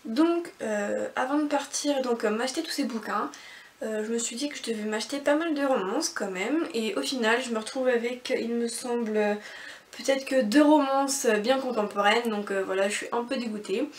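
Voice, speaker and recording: A young woman rambles cheerfully through a casual book haul, her speech full of fillers and restarts. Her voice sits on the high side. She sounds set back from the mic in a room with a lot of echo. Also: moderate pace, a little hiss or hum. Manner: chatty, rambling, many fillers. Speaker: book vlogger. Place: bedroom with bookshelf and mirror. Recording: echoey room, from far off the mic.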